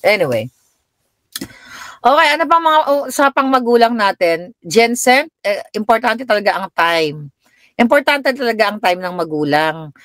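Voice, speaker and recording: Chatting from her home in America, a middle-aged woman originally from the Philippines talks about her grown-up children and responds to viewers on a live stream, going higher in pitch whenever she quotes herself. She is very animated, speaks at a normal speed, and has a fairly bright tone in a dry, studio-quality recording.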